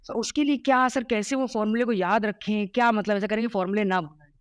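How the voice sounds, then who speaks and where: A man hosting an interview, asking rapid polite questions and constantly saying "sir". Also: high-pitched, steady tone, smooth, dry recording, studio quality.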